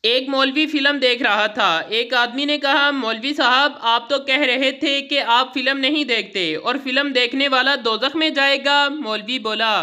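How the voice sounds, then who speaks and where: A woman with a high, very bright and piercing voice reads out short jokes one after another. Her delivery is brisk and even, like a storyteller moving quickly to each punchline. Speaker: joke reader. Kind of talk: reading jokes aloud.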